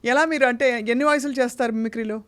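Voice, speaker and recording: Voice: medium pitch, fairly even intonation, rapid-fire, fairly bright tone, clean tone. An interviewer asking questions with open admiration in a casual chat.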